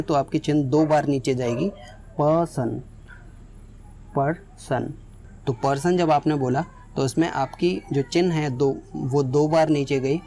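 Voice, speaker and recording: Lady teacher going through pronunciation slow and clear, faint hiss in the back. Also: low voice, dark tone. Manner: explains step by step, mixing in English phrases. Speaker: English teacher. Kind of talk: spoken lesson with examples.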